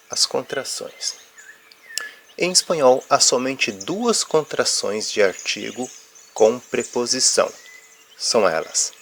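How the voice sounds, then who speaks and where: A man with a fairly low voice explains grammar at an unhurried, deliberate pace. He pauses on "ah" as he walks through examples and checks in with "ok?". Faint birdsong and insects sit in the background. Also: a bit bright, slight background noise. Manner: uses filler "ah" while explaining. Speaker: Spanish teacher.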